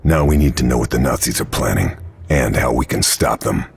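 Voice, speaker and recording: Here the same kind of performance runs a little fast and exaggerated: a man voicing a grim, determined Allied sniper from World War Two who narrates his own mission in a game cutscene. The delivery is terse and hard-boiled, the voice very deep and gravelly.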